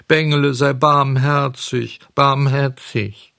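A man's voice: mid-range voice, steady tone, slow pace, gravelly, bright, forceful tone, no room sound, clean studio sound, pitched above the performer's own voice, heavily acted. Man voices old fox beggar, storybook: sly, whining, howling pleas. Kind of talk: audiobook character voice.

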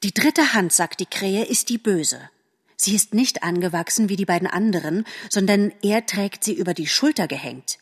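A woman's voice: mid-range voice, moderate pace, breathy edge, in a large hall. A woman reading an audiobook aloud, voicing a polite, shy young male forest animal who speaks a little hesitantly. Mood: earnest.

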